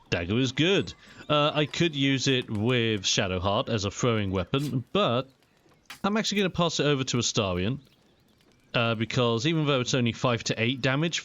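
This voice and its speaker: A young man giving casual, chatty and expressive let's play commentary on a video game. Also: mid-range voice, moderate pace, muffled recording. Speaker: gaming video host.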